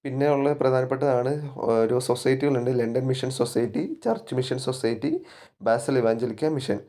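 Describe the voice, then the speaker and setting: Guy teaching exam prep, repeats answers over and over, middle pitch. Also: mellow. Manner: repeats key facts and quizzes himself. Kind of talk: spoken exam-prep lesson.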